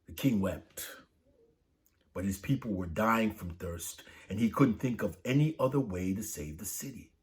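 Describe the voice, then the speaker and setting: A storybook reader with a lowish voice shares a saint's tale for kids at a normal speed. His delivery is animated, and he pitches up for the quoted dialogue.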